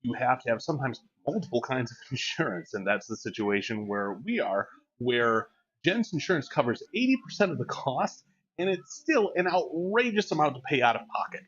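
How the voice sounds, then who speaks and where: A man's voice: mid-range voice, big pitch swings, normal speed, fairly bright tone. A man in his forties chatting casually on a live stream, joking and reading chat aloud. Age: 40s. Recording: dull lo-fi mic.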